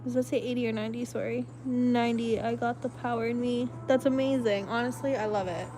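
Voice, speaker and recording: A woman's voice: fairly high pitch, fairly even intonation, fairly quick, noisy background. Chatty woman in her thirties livestreaming. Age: 30s. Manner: rambling and apologetic, lots of "um"s. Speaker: livestream host. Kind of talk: casual late-night live-stream chat, reading viewer comments. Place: at home at night, lit by a flashlight. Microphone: phone camera held close.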